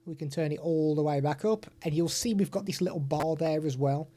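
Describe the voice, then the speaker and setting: On a live stream, a man from the United Kingdom demonstrates a product in a chatty, step-by-step fashion, turning aside now and then to talk with viewers. His voice is mellow and soft-edged, fairly high in pitch, and brisk.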